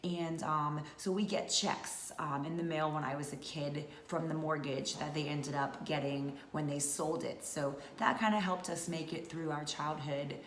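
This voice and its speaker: A woman's voice: sits low, steady tone, measured pace, hardly any pauses. A woman in her thirties from North Georgia, chatting casually to camera as a vlogger with many fillers. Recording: echoey room with faint noise.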